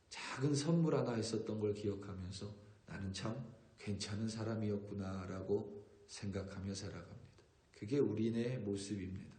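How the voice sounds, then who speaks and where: A man preaching an early-morning sermon as a pastor, earnest and growing forceful when he reads scripture aloud. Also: fairly low pitch, roomy sound. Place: church sanctuary.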